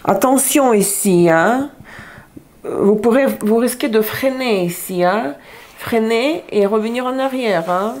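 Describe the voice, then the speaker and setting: A woman's voice: a little high, takes it slowly, darkish tone. A woman giving a casual tarot reading, chatty, often searching for words and repeating herself. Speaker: tarot reader.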